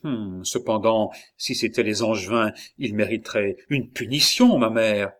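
A man's voice: fairly low pitch, measured pace. A man doing a hot-headed young king. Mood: insistent. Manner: insistent, loud and pleading. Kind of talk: dramatized audiobook reading.

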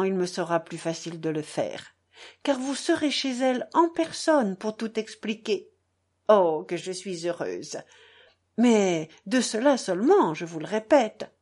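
Woman playing a fervent young society lady, emotional, pleading, high lilting voice, audiobook. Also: a little mellow. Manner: emotional, pleading, quick shifts.

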